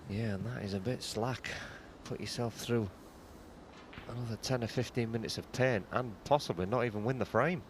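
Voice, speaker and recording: A man giving hushed live snooker commentary in an understated, conversational and analytical way. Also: medium pitch, moderate pace, noisy background.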